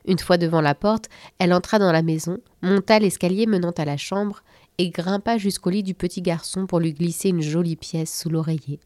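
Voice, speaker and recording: A woman narrating a children's story in a lively, playful storybook manner. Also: fairly low pitch, no echo, clean studio sound.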